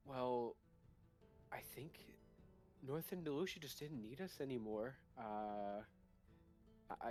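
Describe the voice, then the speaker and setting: A man's voice: medium pitch, lightly acted. A man voicing a timid, eager robot tavern server in a tabletop game, stammering and hesitant.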